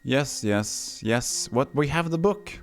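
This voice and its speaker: This casual gameplay commentary comes from a Texan man without a regional accent, who streams a retro game, reads its text aloud and responds to chat. His medium-pitched voice is animated but slow, and faint music plays behind him.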